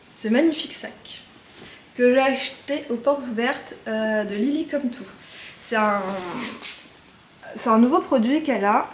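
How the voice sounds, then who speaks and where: A woman with a slightly high voice chats in an easy show-and-tell way, pausing often on filler sounds as she goes. The room around her is echoey and roomy, with faint ambient noise behind. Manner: chatty, hesitant with frequent fillers. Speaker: knitting vlogger. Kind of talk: casual show-and-tell chat.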